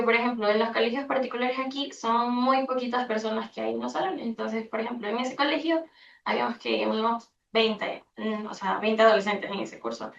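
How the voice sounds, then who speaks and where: A young woman from Venezuela, a focus group participant, telling personal stories in an animated way and replaying conversations. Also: fairly high pitch, gravelly. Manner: animated, retells conversations with lively back-and-forth. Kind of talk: personal storytelling in a group discussion. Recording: distant, roomy, dull group recording.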